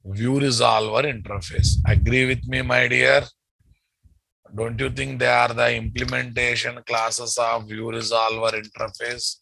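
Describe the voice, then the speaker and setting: Forceful Telugu-accented man teaching. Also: mid-range voice, flat delivery, a little slow, gravelly, husky, dry recording, low-quality recording. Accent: Telugu Indian English. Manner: emphatic, repetitive, quizzes listeners with tag questions. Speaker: programming instructor. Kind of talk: classroom lecture, repeating terms for dictation.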